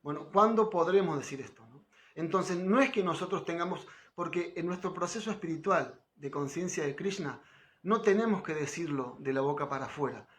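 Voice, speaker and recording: A man's voice: fairly high pitch, fairly quick, fairly bright tone. A middle-aged man giving an informal devotional class, talking conversationally and often checking in with his listeners. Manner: conversational, frequent tag questions, quotes others with lifted voice. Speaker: spiritual teacher giving a class.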